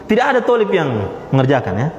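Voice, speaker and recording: Male religious teacher with a fairly high, animated delivery and a long hall echo under faint noise. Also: fast, highs cut off. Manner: lively, repeats key phrases, pitch jumps for emphasis. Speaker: Islamic teacher. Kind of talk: religious study lecture. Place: study gathering with listeners present.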